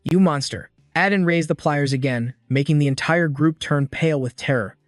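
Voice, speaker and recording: A man reading a scripted story recap with steady, dramatic storytelling. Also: a little high, normal speed, no room sound, clean studio sound. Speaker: recap narrator. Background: faint music.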